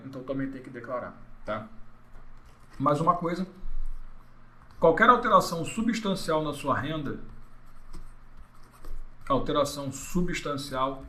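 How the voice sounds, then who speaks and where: Joking Brazilian teacher in an echoey room. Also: male voice, a little high, fairly bright tone. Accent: Brazilian Portuguese. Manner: joking, chatty, acts out quoted people. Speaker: exam-prep law teacher. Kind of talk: informal recorded lesson.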